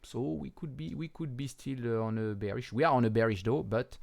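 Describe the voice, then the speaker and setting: A man with a French accent and French as his first language, talking through crypto charts in a casual, halting way with many pauses and restarts, and swearing bluntly now and then. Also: medium pitch, vocal fry, darkish tone. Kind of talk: casual market commentary over charts.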